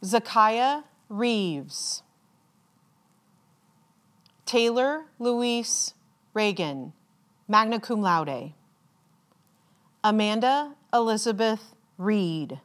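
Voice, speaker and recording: Reading names at a commencement, this female announcer keeps a formal, ceremonial delivery with careful, deliberate enunciation and pauses. She has a mid-range, expressive voice with a slightly bright quality.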